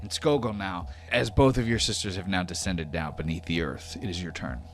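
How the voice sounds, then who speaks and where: A man with a low-pitched voice narrates briskly as game master of a tabletop role-playing podcast. He keeps it casual and descriptive, blending storytelling with talk about the rules.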